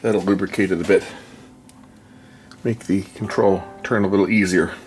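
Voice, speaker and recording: Faint music plays behind a deep, steady male voice speaking at normal speed. He's an electronics repair technician and video host doing a relaxed, hands-on repair demo, describing things plainly and practically.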